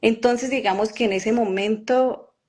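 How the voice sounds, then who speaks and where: A woman with a Colombian accent giving an earnest, emotional personal testimony, halting with pauses and fillers. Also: on the high side, steady tone, darkish tone, slightly rough.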